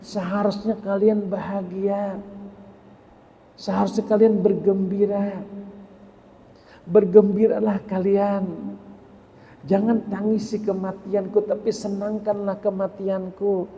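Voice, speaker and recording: A man's voice: high-pitched, flat delivery, slow, long pauses, warm tone, voice pushed up. A man voicing a dying old male Sufi master who urges mourners to rejoice, in a raised preaching voice, in an echoey hall. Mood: exhorting. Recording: echoey hall, muffled, faint noise.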